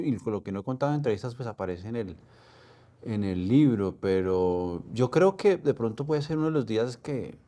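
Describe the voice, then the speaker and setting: A middle-aged man with a Colombian accent, telling a personal story in an interview, halting and emotional with many restarts. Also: on the low side, mellow. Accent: Colombian Spanish. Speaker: interview guest.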